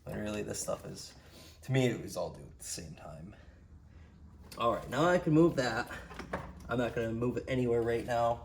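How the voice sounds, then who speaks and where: A man giving a casual how-to walkthrough while working on a car engine, explaining each step in a plain, low-key way. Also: lively intonation, moderate pace, creaky, long pauses, a little hiss or hum. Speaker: DIY car repair presenter.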